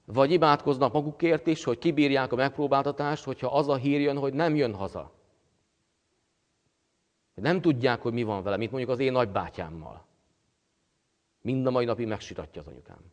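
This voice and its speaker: A man preaching a sermon as pastor, with a halting delivery full of pauses and fillers. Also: mid-range voice, in a large hall. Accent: Hungarian.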